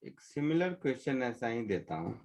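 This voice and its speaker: A man's voice: mid-range voice, sing-song, moderate pace, a little mellow. A male physics teacher explaining a problem step by step in a live class, often stopping to check that the students follow. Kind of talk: live physics class in Hindi mixed with English.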